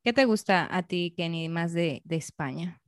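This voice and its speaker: A woman's voice: fairly low pitch, expressive, moderate pace, dry recording, studio quality. A woman from Peru hosting a casual interview, thoughtful and agreeable. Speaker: interviewer, host.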